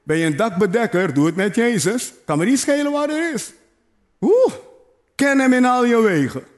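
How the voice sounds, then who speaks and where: A man's voice: extremely high pitch, animated, fairly quick. A man preaching a sermon, urging his listeners with repeated phrases and playful asides. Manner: repetitive exhortation, playful asides and calls to the congregation. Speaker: pastor.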